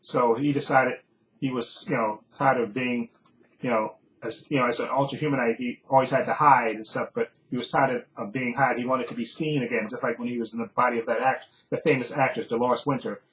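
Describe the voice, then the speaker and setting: A man's voice: mid-range voice, steady tone, fairly quick, fairly bright tone, rough recording. A man casually recapping a TV episode as a reviewer, rambling with fillers and frequent chuckles. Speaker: TV show reviewer.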